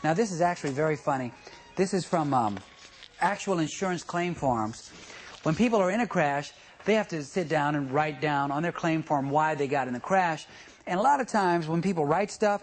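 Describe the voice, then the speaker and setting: Joking, fairly high-voiced male traffic instructor. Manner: jokey, laughs often. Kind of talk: joking classroom lecture.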